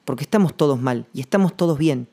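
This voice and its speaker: A man with a Rioplatense Spanish accent hosting a reflective solo podcast monologue, rambling and slangy, thinking aloud with pauses. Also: fairly high pitch, expressive, warm tone. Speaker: podcast host.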